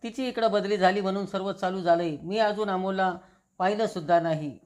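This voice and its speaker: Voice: medium pitch, brisk, darkish tone, close to an everyday voice. The narrator reading the lines of an irritated father who works as a government officer, speaking curtly and bitterly. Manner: curt, bitter complaining.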